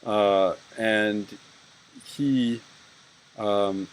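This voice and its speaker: A man's voice: on the low side, steady tone, very slow, low-quality recording. A man giving a university lecture, rambling and peppering his talk with "right?" and "you know".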